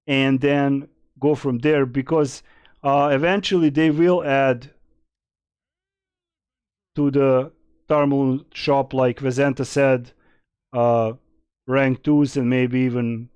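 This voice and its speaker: Slow, smooth-voiced man. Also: mid-range voice, fairly even intonation, darkish tone, dry recording. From Serbia. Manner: rambling, many fillers and restarts, reading chat aloud. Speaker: game streamer. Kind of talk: casual live-stream Q&A.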